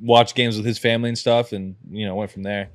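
A man's voice: on the low side, level tone, fast, no room sound, studio quality. A man in his twenties with an American accent, chatting casually about sports in frat-bro slang. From Florida and Georgia, USA. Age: 20s. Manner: frat-bro slang, full of dude, bro and sick. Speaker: podcast guest, sports videographer.

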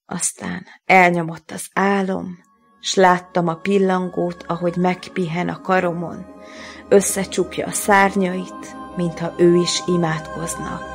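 A woman reads her own prose in a slow, measured, grave manner, her voice sitting a little low. Soft music plays faintly underneath. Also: flat delivery. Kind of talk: literary reading.

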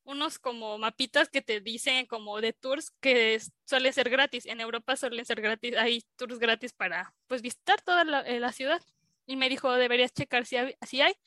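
Young mexican woman telling a story in an interview, bright high voice, loads of fillers, acts out what people said. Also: steady tone, moderate pace, no echo. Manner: chatty, filler-heavy, acts out quoted dialogue. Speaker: interview guest, scientist. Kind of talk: casual storytelling.

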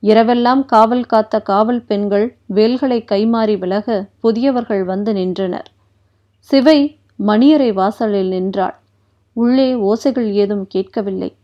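A woman reading a novel aloud as narrator, with steady, measured narration. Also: medium pitch. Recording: dull lo-fi recording.

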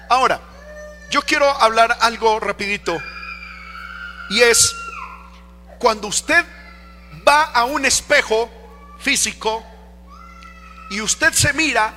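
High bright preacher, reverberant hall. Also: male voice. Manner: preaching, emphatic, rhetorical questions. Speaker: pastor. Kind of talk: sermon. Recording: long reverb of a church hall. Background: faint music.

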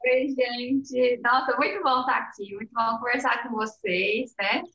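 A woman from Goiânia with a Goiás accent, a podcast guest who talks warmly and laughs easily. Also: a little high, little pitch movement, unhurried, lo-fi sound. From Goiânia, Brazil. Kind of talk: casual podcast conversation.

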